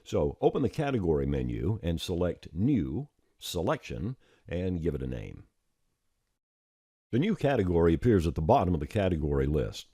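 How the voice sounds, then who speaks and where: Walking through a software tutorial step by step, this man speaks in a very deep, dark, somewhat husky voice whose pitch shifts in a lively way. He keeps things casual and plain-spoken at normal speed. The studio-quality recording is dry.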